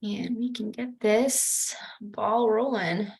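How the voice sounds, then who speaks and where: A woman's voice: fairly high pitch, steady tone, creaky, a little mellow. Woman presenting slides on a call. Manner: brisk, organized presenting with fillers. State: morning voice. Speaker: project coordinator. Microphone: video call.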